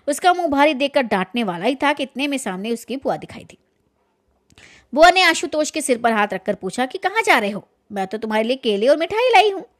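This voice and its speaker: A woman reading a literary short story aloud, then talking it over in her own words with some hesitation. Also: sits high. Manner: reads dramatically, then comments with fillers.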